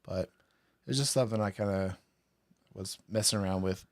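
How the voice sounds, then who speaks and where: A man's voice: deep voice, moderate pace, no room sound. A tipsy man hosting a live stream, chatting casually and rambling, laughing often. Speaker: podcast and stream host.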